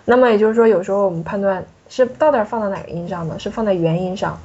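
A woman teaching French pronunciation in a classroom, her voice a little husky and breathy. She keeps asking her student questions and patiently walks through each sound. The recording is dull and lo-fi. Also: mid-range voice, fast talker, dark tone.

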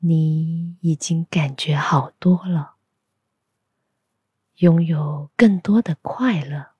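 A woman guiding a meditation in a soft, soothing, breathy spa-like whisper, giving gentle instructions. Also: deep voice, takes it slowly, no room sound, highs cut off. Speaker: guided meditation narrator.

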